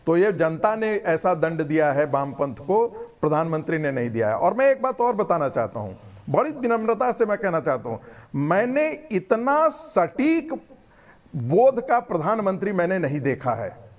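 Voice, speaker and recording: A man with a high voice speaks as a panelist in a heated television debate. His phrasing is formal and courteous, yet he keeps pushing to hold the floor against interruptions. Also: very animated, measured pace. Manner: formal, polite phrasing, fights to keep the floor. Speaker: pro-government panelist.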